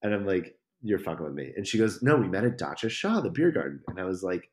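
A man's voice: low-pitched, quick pace, slight background noise. A young man, a podcast guest, telling a story casually, swearing and acting out the people in it. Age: young adult. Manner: animated, swearing, acts out quoted lines.

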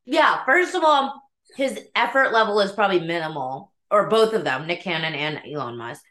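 A woman's voice: mid-range voice, lively intonation, moderate pace, sharp tone. A woman co-hosting a podcast in casual conversation, talking in informal, slangy phrases. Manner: informal, filler-heavy slang with frequent "like". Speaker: podcast co-host.

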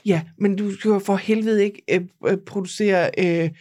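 North jutland woman on a podcast, mid pitch, emphatic and opinionated, dead dry room. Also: fairly even intonation, a little mellow, no room sound. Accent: North Jutlandic Danish. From North Jutland, Denmark. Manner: emphatic and opinionated, quick to protest. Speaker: podcast co-host. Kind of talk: casual chat.

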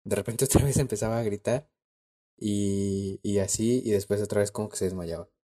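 A young man with a Mexican Spanish accent tells a story as a podcast co-host. His voice sits low, with a dark, mellow tone. He talks in slang and laughs often. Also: steady tone, brisk. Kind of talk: casual chat.

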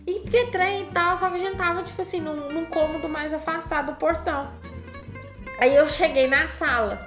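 A woman's voice: very high voice, steady tone, moderate pace, reverberant, over music. A woman, co-hosting a casual chat and telling a personal story with lots of drama.

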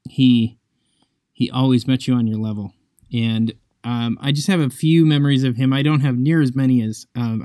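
A man hosting a devotional podcast, speaking reflectively and conversationally with many pauses, then reading scripture. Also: medium pitch, a little mellow, no room sound, clean studio sound. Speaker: podcast host.

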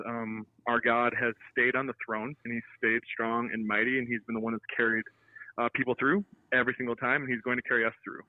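A man speaking over the phone from his home, a worship leader and pastor talking calmly and encouragingly. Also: mid-range voice, dry recording. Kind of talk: casual chat. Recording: tinny phone line, dry.

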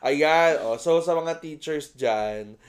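A man's voice: a little high, takes it slowly. A man in his thirties with a Filipino accent, a teacher co-hosting a casual podcast chat, telling stories playfully. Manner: animated, playful storytelling.

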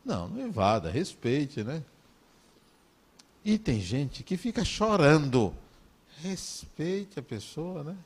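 A man with a Brazilian Portuguese accent, giving a talk in an animated, conversational storytelling way. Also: a little high, slow, long pauses, slightly rough. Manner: animated, conversational, acts out dialogue.

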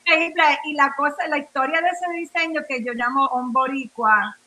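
She's a Nuyorican woman from New York, from a Puerto Rican family, appearing as a guest on a radio interview. Her high-pitched voice is bright and forceful, at normal speed with fairly even intonation. She tells her story casually in rambling Spanish studded with English words, fillers and restarts.

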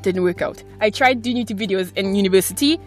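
A woman in her twenties hosts her own casual solo podcast from a small clothes closet at home. She talks fast at medium pitch, chatty, rambling and poking fun at herself, with faint music in the background.

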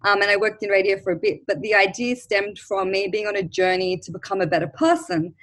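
Excited woman guest from australia chatting on a podcast over video call. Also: mid-range voice, a little fast, rough recording. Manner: bubbly and enthusiastic. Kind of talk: casual interview.

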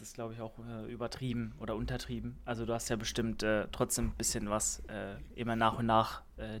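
A young man co-hosting a casual podcast, talking in a rambling way with many fillers and restarts. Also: mid-range voice. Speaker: podcast co-host.

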